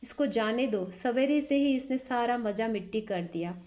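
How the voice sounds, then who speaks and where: A woman's voice: fairly high pitch, normal speed, darkish tone, natural voice. A woman voicing a rude, dismissive drunken man.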